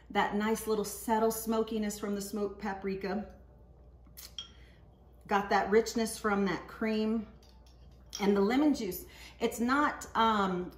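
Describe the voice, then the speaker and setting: Roomy, distant woman hosting a cooking show. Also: mid-range voice. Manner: easygoing, chatty, with frequent fillers. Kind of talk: step-by-step cooking demonstration. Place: home kitchen.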